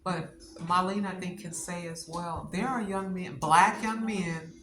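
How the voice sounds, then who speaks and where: Middle-aged mother, lower voice, roomy echo. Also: steady tone, unhurried. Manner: warm storytelling with fillers. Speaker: mother being celebrated. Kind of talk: casual family chat. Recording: roomy echo, music behind.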